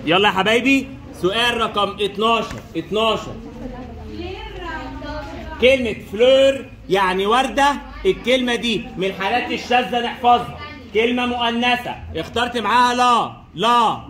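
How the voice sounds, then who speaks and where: A high-pitched man with an Egyptian Arabic accent runs a classroom lesson, repeating every question and answer as he quizzes students. His voice rings around an echoey room. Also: moderate pace, sharp tone. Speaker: French teacher.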